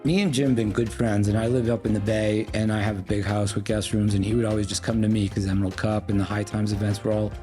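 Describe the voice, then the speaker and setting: A man's voice: lowish voice, quick pace, hardly any pauses, faint music behind. A man casually telling an anecdote, acting out the quoted lines of others. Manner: animated storytelling, acts out quoted dialogue. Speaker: guest storyteller.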